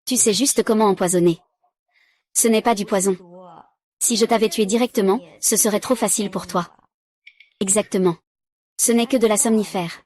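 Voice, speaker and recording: A woman's voice: medium pitch, steady tone, normal speed, long pauses, darkish tone. A woman reading dubbed drama dialogue, giving every character's lines in the same plain voice. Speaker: dub voice for a drama recap.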